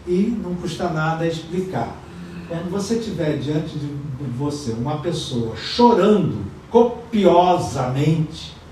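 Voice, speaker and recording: A Brazilian man preaching a sermon as pastor, shifting from quiet asides to loud acted-out quotes. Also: high-pitched, recorded from a distance, slight background noise. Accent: Brazilian Portuguese. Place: church sanctuary. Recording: echoey church room miked from afar.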